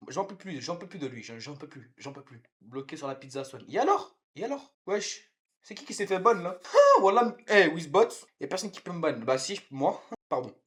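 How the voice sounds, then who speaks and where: A young man live-streaming from his home kitchen, chatting loudly with viewers, swearing and teasing them while he cooks. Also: mid-range voice, a little fast. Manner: loud, excitable, swears and teases chat. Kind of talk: casual live-stream chat while cooking.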